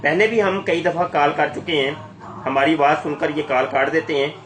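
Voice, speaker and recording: A man's voice: a little high, fairly bright tone, soft background music. A man hosting a live channel broadcast in an emphatic, accusatory, polemical way. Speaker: YouTube channel host making a live call. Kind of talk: polemical live commentary to listeners. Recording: echoey, roomy sound.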